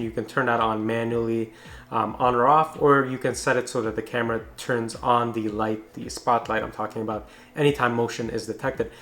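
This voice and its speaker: A man with a mid-pitched voice narrates a product review. He explains things informally, in an easy conversational style. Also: fairly bright tone.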